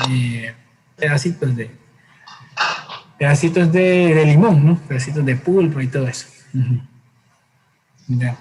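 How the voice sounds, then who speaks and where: A man teaching a science class, explaining patiently with everyday examples, often pausing to hesitate and correct himself. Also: medium pitch, a little mellow, slightly rough, low-quality recording. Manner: frequent hesitations and self-corrections. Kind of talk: classroom lecture.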